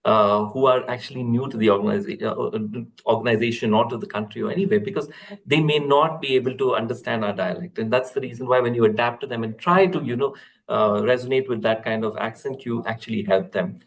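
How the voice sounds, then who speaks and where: A man, a corporate trainer explaining a lesson in a webinar, steady and explanatory with frequent fillers and restarts. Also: mid-range voice, quick pace, poor audio.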